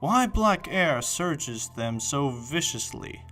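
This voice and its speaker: A man's voice: on the high side, big pitch swings, slow pace, pushed and bright, slight background noise, exaggerated voice. A man playing an awed, pitying poet pilgrim in a dramatic verse reading, with theatrical, pleading delivery. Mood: alarmed awe. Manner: theatrical, impassioned stage-actor pleading. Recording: reverberant hall sound under music.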